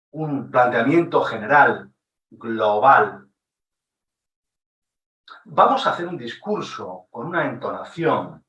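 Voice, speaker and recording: A man with a Spanish accent from Spain giving an instructive talk on public speaking, deliberate and emphatic, using pauses and shifting intonation for effect. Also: medium pitch, a bit bright. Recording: roomy echo, somewhat distant mic.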